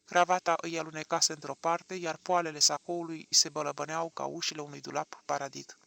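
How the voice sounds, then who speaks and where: Creaky, bright-voiced male narrator. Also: on the high side, no echo. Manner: expressive, dramatic reading. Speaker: audiobook narrator. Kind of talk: audiobook narration.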